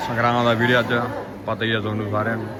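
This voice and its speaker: A man's voice: lowish voice, monotone, racing, very noisy. A man with a Punjabi accent talking casually and playfully in a village vlog, teasing the people around him. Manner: playful, teasing with friends and children. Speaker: vlogger.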